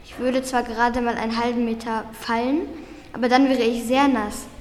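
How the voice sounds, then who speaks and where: A woman's voice: on the high side, flat delivery, moderate pace. A woman carefully reading a diary-style story aloud, with small slips. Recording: roomy recording with long reverb and faint background noise.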